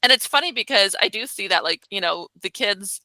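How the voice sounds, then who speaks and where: A woman's voice: mid-range voice, expressive, a little fast, pushed and bright, no room sound, poor audio. A woman in her thirties hosting an interview, chatting casually with many fillers. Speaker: podcast host interviewing a guest.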